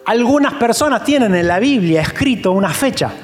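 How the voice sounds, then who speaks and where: A man with an Argentine Spanish accent preaching a sermon as a pastor, animated and joking, acting out the voices of people he quotes. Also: extremely high pitch, brisk, roomy sound, in a large hall.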